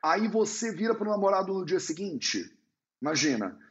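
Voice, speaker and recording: A man hosting a casual live-stream Q&A as an Ayurveda teacher, talking in an animated, slangy, storytelling way. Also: sits high, moderate pace. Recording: dull lo-fi sound.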